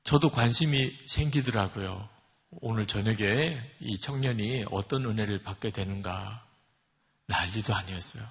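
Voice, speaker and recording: A male pastor preaching a sermon, telling a story with quoted dialogue and emphatic swings in loudness, in a church sanctuary. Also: lowish voice, moderate pace, breathy edge. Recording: long hall reverb.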